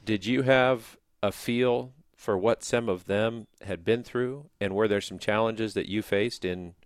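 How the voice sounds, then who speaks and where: Deep voiced guy interviewing someone for oral history, chatty, recaps then asks, dry sound. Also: unhurried, smooth, no room sound. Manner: attentive, recaps and prompts.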